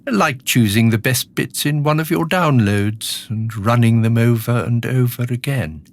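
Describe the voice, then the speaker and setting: An actor playing a decaying, skeletal alien villain in an audio drama monologue, charming, sinister and self-pitying, confiding in the listener with sardonic relish. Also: male voice, medium pitch, lightly acted. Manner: theatrical, confiding, sardonic, drawn-out menacing phrases.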